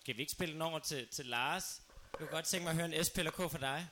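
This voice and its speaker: A man's voice: fairly high pitch, sharp tone, slight background noise. A man hosting a casual talk show, playful and full of probing questions. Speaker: host.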